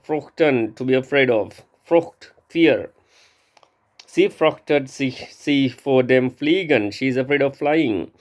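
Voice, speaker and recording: A man works slowly through a textbook, reading words and example sentences aloud. His delivery is careful and halting, and he often stops to restart a word. His pitch sits in an ordinary middle range. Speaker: language learner.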